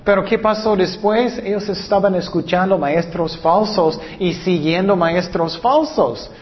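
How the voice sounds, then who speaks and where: A man preaching a sermon in an animated way, stumbling over some words and acting out the people he quotes. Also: high voice, unhurried. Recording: echoey hall, dull lo-fi sound.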